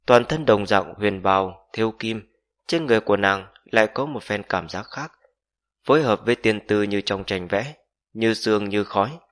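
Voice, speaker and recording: A man narrating a fantasy novel in a steady, measured storytelling voice. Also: lowish voice. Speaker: audiobook narrator.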